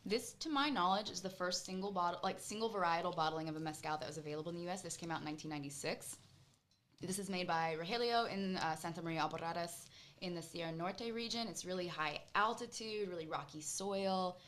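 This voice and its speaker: A woman's voice: fairly low pitch, fast talker, a bit bright, a little hiss or hum. A woman guest on a podcast, explaining spirits in an enthusiastic, knowledgeable way during casual chat. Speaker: mezcal brand guest.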